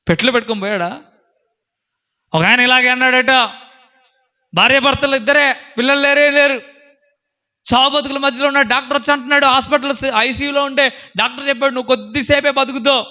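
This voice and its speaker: Preacher guy, high and sharp, keeps hammering questions, sermon. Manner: emphatic, repetitive questioning, rising to shouts; acts out characters in a story with changed voices.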